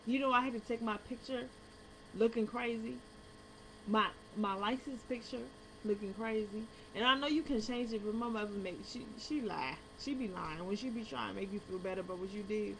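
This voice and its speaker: Speaking at a moderate pace in a fairly high voice, a young American vlogger retells something that happened to her, casual and blunt, cursing freely and performing each line of dialogue with lots of animation and slang. The rough recording has room noise and a background hum.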